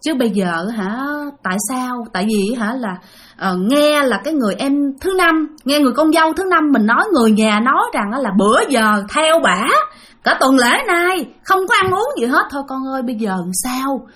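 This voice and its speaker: A woman voicing an anxious older mother who quietly begs her dead daughter's spirit for help. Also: high-pitched, expressive, brisk. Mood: imploring. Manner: quiet and imploring.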